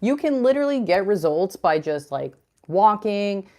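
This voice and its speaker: A young adult woman hosts a casual fitness livestream, chatting and rambling as she responds to comments from the chat. Her voice is deep and darkish in tone, swinging widely in pitch, and she speaks at a normal speed.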